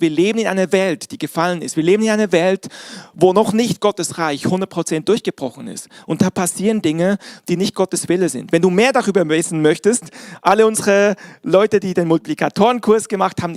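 A man's voice: high-pitched, no room sound, studio quality. A man preaching a sermon as pastor, earnest and speaking directly to his congregation.

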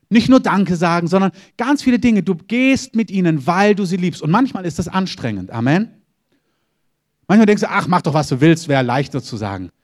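A middle-aged man preaching a sermon as pastor, emphatic and repetitive, punctuating his points with calls of "Amen". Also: sits high.

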